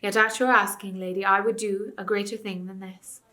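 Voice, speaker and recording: Storybook king, noble and stern, a woman doing the voice; slow and formal, bright tone. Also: mid-range voice, steady tone, close to an everyday voice. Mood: grave. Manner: formal, courtly and grave. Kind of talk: audiobook character reading.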